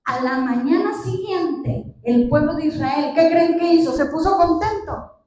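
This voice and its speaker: A woman's voice: very high-pitched, unhurried. A woman preaching a sermon, retelling a Bible story and putting questions to the congregation. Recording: echoey hall, distant mic, faint noise.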